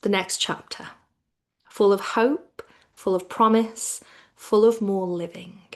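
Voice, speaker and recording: In a steady, mid-range voice, a woman slowly guides a yoga nidra session, keeping her tone soft and soothing. Each phrase tapers off almost into a whisper.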